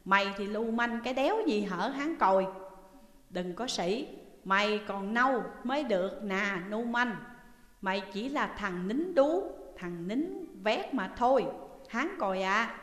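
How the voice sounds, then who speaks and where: A woman voicing a hoarse, foul-mouthed adult male prisoner with a coarse manner. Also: medium pitch, animated, unhurried, fairly bright tone, reverberant, big-room sound. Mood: scornful.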